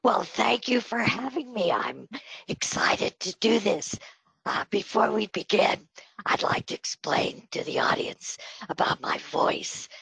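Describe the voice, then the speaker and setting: An older woman with a breathy, whispery voice, speaking as a podcast guest and telling her story in a slow, measured way. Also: medium pitch, lively intonation, a bit bright, no echo, poor audio. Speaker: podcast guest, retired health system executive. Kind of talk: interview storytelling.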